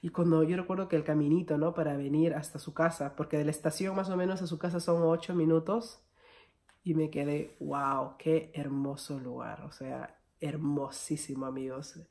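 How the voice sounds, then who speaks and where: A woman's voice: low voice, steady tone, brisk, warm tone. A young Peruvian woman speaks with a Peruvian Spanish accent in a storytime vlog. She talks in a chatty, familiar way and keeps calling her viewers friends. Her delivery is that of a casual personal story. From Peru. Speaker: vlogger.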